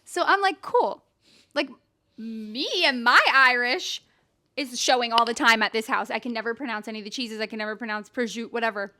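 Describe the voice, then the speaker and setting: A young woman with a high voice co-hosts a casual podcast chat. She tells stories animatedly, laughing often and slipping into impressions of the people she talks about. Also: rapid-fire, few pauses. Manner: animated storyteller, laughs often, mimics others. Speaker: podcast co-host.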